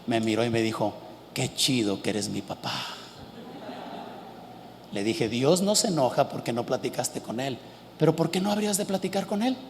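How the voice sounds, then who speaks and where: A middle-aged man with a Mexican accent preaching a sermon as a pastor. He swings from loud shouting to soft, quiet storytelling. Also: medium pitch, expressive, fairly quick, a little hiss or hum. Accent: Mexican Spanish. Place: church. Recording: church hall with long reverb.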